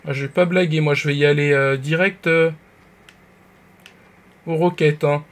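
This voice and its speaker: A man streaming a game live, talking to himself, jumping between hushed nervous murmurs and loud excited outbursts. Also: on the high side, normal speed. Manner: jittery, talks to himself, whispers when nervous. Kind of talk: live gameplay commentary.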